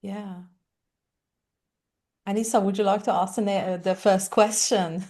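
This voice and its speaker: A woman's voice: medium pitch, steady tone, a little slow, a little mellow. A woman hosting a podcast, welcoming and introducing her guest. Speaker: podcast host. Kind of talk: conversational interview.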